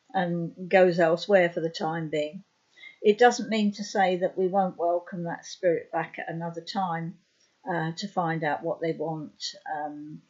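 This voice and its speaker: Slow-talking woman with a sore throat. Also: fairly low pitch, darkish tone. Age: 50s. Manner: slow and hesitant, many ums and uhs. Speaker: trance medium. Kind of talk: explanatory talk to camera. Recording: dull lo-fi sound.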